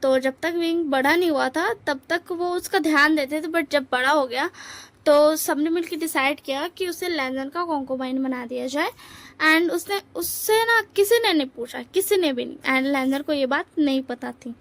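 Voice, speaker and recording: High-voiced woman telling a story casually. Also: moderate pace, fairly bright tone. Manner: chatty, many fillers and asides.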